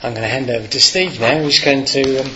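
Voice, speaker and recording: Man, scripture reading, measured and formal, muffled lo-fi sound. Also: medium pitch, pushed and bright, a little hiss or hum. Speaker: scripture reader. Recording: dull lo-fi recording.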